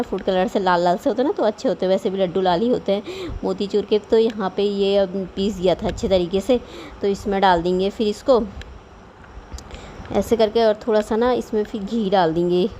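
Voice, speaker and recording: A woman's voice: mid-range voice, mellow, a little hiss or hum. A woman in her thirties chatting at home about her day and her cooking, rambling and homely. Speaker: vlogger. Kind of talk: casual voice-over cooking vlog.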